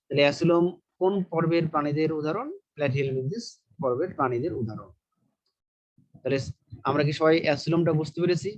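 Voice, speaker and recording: A man's voice: fairly high pitch, fast talker, long pauses, lo-fi sound. A man teaching a biology lecture, asking questions and answering them himself while repeating key terms. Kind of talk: online lecture.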